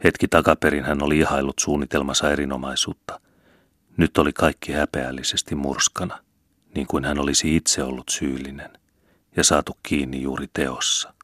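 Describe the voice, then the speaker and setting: Very deep-voiced male audiobook reader. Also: flat delivery, fairly bright tone, no room sound, clean studio sound. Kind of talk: scripted narration.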